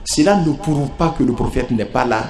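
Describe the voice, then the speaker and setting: A man preaching a sermon to a gathering, pausing for the audience's responses and asking rhetorical questions. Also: mid-range voice, darkish tone. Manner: measured, rhetorical questions to the crowd. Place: large gathering at a religious ceremony. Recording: echoey hall with crowd. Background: crowd.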